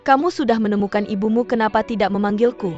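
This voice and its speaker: A woman's voice: medium pitch, quick pace, darkish tone, natural voice. A woman dubbing a hurt, reproachful wife. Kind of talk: dubbed drama dialogue. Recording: dry dull dub with music behind.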